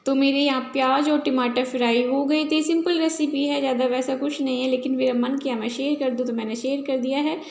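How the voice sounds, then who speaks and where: A woman's voice: sits high, fairly even intonation, a little fast, few pauses, darkish tone, roomy sound. A woman chatting casually through a home vlog while making tea and cooking, rambling as she goes. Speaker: vlogger. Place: home kitchen.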